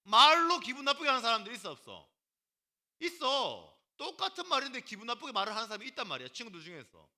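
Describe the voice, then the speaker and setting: A male pastor preaching a lively sermon to a youth group, teasing the students, calling on them by name and acting out what people say. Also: very high-pitched, fast. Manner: animated, teasing, acts out quotes and calls on students by name.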